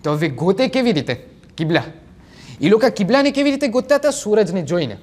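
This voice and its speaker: Speaking to a gathering as a majlis preacher, a 17-year-old young man delivers a religious sermon in a high, fairly quick voice. His storytelling is animated and sprinkled with rhetorical questions.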